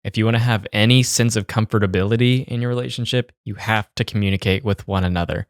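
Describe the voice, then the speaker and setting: Blunt young man with a very deep voice. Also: steady tone, fast talker, dry recording. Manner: blunt, repeats points, casual swearing. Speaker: podcast co-host. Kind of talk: casual chat, giving advice.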